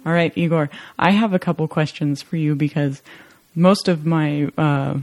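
A woman's voice: deep voice, fairly even intonation, normal speed, darkish tone, soft background music. A podcast host leading a casual interview, curious and eager, reacting often to her guest's answers.

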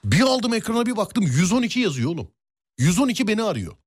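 A man hosting a casual radio show, chatting playfully and telling stories in an animated way. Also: high-pitched, breathy edge. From Turkey. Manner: animated storyteller, quick and playful. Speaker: radio host. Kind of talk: casual studio banter.

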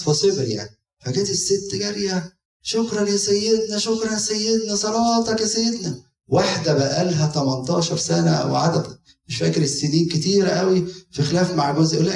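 Fast-talking Egyptian preacher in echoey hall. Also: male voice, medium pitch. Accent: Egyptian Arabic. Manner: animated storytelling, acts out quoted people. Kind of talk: sermon with told stories. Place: church hall before a congregation. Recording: echoey hall, mic from far off, audience behind.

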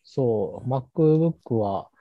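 A man's voice: mid-range voice, lively intonation, extremely slow, noisy background. A man co-hosting a podcast in casual tech chat, easygoing and thinking aloud. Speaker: podcast co-host. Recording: muffled, dry close mic.

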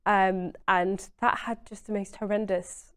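A woman's voice: medium pitch, little pitch movement, a little slow, a bit bright, clean tone. A woman, speaking earnestly and emphatically as a guest in a conversational interview, often saying "you know". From Essex, England. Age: 20s.

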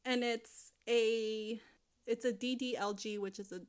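A woman's voice: on the high side, steady tone, measured pace, smooth. A young woman co-hosting a casual chat, rambling with lots of fillers and restarts.

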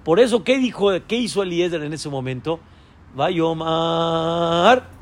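A man, a rabbi, teaching a Torah lesson, asking his listeners rhetorical questions and jumping to a high voice when quoting figures. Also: slow pace. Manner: voices quoted figures with sudden high pitch.

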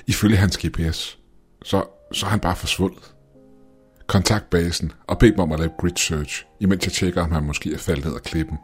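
A man's voice: deep voice, fairly even intonation, faint music behind, pitched above the performer's own voice, natural voice. A man voicing a tense male astronaut leader giving urgent orders as his nerves fray. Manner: urgent, commanding.

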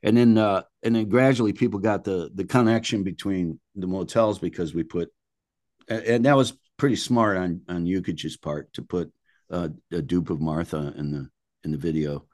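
In a steady, slightly mellow deep voice, the older man shares blunt, salty anecdotes at a normal speed, like a musician chatting informally in an interview. The sound is clean studio quality, dry with very little room sound.

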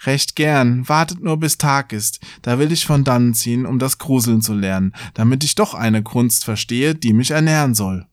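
A man's voice: medium pitch, normal speed, few pauses, dry recording, studio quality, close to an everyday voice. A man doing a naive, fearless young lad. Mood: earnest. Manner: earnest, plain-spoken.

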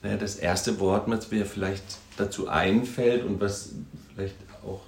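A man who works as a counselor and music therapist, talking in a thoughtful, halting way with many tag questions. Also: on the low side, fairly even intonation, echoey room. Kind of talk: reflective conversational talk.

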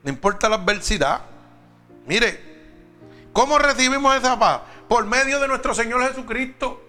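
A man's voice: very high-pitched, expressive, normal speed, bright, forceful tone, soft background music. A man preaching a sermon, talking straight to the congregation with emphatic questions.

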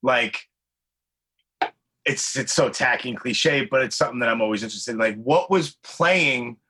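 Bright-voiced New man, rambling. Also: medium pitch, normal speed, husky. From Brooklyn, New York. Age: 40s. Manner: rambling, filler-heavy, enthusiastic. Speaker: podcast host. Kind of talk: casual interview chat.

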